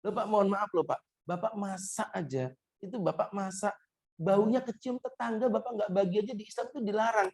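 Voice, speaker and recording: Man preaching, husky voice. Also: high voice, a little fast, darkish tone. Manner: humorous, addresses listeners as "Pak", quotes Arabic hadith. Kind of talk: Ramadan mosque sermon. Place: mosque.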